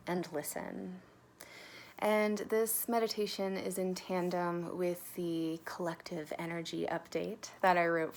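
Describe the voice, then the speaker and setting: A woman leading a guided meditation in a relaxed, conversational way, with casual fillers and the odd soft laugh. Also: fairly low pitch, creaky. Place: home, sitting on folded blankets.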